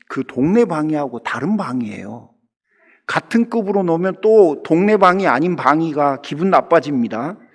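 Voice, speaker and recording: A middle-aged man from the Jeolla region of Korea delivers a Sunday sermon in a church. He sits a little high for a man and rides a very animated pitch line. He talks to the congregation directly and loosens them up with jokes. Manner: humorous, conversational preaching that keeps addressing the congregation. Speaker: pastor. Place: church sanctuary.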